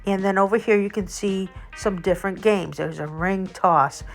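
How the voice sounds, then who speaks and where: A woman's voice: mid-range voice, moderate pace. A woman narrating a casual vlog tour as host, in a chatty, enthusiastic way. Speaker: video host and local tour guide. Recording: background music under the voice. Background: music.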